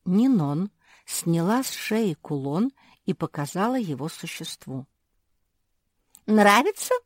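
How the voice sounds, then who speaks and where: A woman narrating a children's audiobook in a calm, measured storytelling manner. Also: lowish voice, dry recording, clean studio sound.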